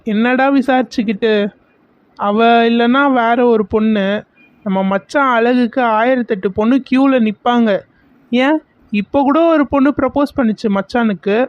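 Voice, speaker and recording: A man's voice: very high-pitched, fairly even intonation, normal speed, no echo. A man voicing a loyal, hot-headed young friend in a cartoon serial, talking in slang. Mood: scornful. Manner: slangy, calls everyone machan. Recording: dull lo-fi dry recording.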